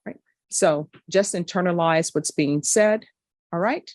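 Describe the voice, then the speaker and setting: A woman's voice: fairly low pitch, a little mellow, no echo. A woman judge speaking firmly and directly at a courtroom hearing, addressing defendants. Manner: firm, measured, direct.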